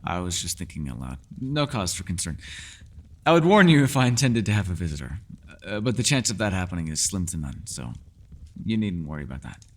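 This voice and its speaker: A man speaks in a low voice with big swings in pitch, a slightly quick pace, and an exaggerated delivery. He plays a mysterious, ageless male elf in a fantasy ASMR roleplay, teasing but secretive, using courteous, formal, old-fashioned phrasing. The mood is guarded and courteous.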